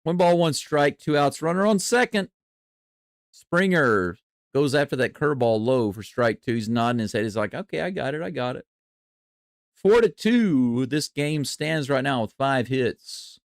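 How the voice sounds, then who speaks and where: A man doing live baseball play-by-play and reaction in a chatty, excitable way. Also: medium pitch, a little slow, no room sound, clean studio sound. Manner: excitable, chatty, jumps from calm to loud cheering. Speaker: play-by-play streamer.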